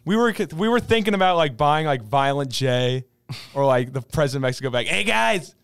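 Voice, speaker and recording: A young man co-hosting a casual podcast, animated and jokey, breaking into mock voices. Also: medium pitch, a little fast, clean tone. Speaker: podcast co-host. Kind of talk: casual chat.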